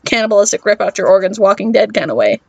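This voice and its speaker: A woman's voice: medium pitch, sing-song, quick pace, vocal fry, no echo, highs cut off. A young adult woman hosting a podcast, telling a crude, rambling comedic story with frequent giggles. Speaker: podcast host.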